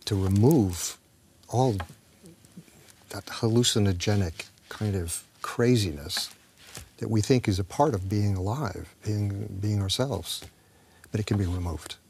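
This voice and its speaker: Man, an actor, low and reflective, tells stories with acted voices, slips into whispers, faint background noise. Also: a little slow, darkish tone. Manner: storytelling, acts out quoted dialogue, sometimes drops to a whisper. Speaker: actor being interviewed. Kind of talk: reflective interview talk.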